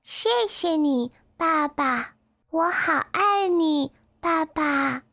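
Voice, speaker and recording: A woman voicing a tiny, sweet baby duckling boy who calls out in a high, childlike voice. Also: big pitch swings, a little slow, sharp tone, dry recording, clean studio sound, heavily acted. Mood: sleepy, loving. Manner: high chirpy childlike calling.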